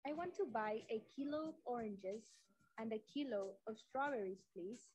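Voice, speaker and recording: A woman voicing a polite, high-voiced fruit shopper. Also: unhurried, darkish tone, a little hiss or hum, lightly acted. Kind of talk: scripted textbook dialogue.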